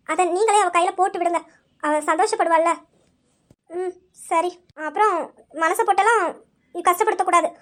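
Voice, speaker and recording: A woman's voice: very high voice, a bit bright. A woman voicing a caring daughter-in-law in a large family, soothing and persuading the others. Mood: reassuring. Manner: brisk, reassuring, persuasive.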